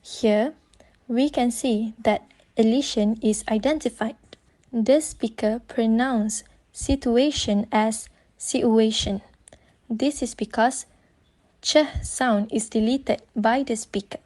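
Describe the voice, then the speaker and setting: A woman's voice: fairly high pitch, steady tone, takes it slowly, a little mellow. A young woman with a Malaysian English accent, whose first language is Malay, giving a scripted student presentation and carefully reading out prepared explanations. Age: young adult.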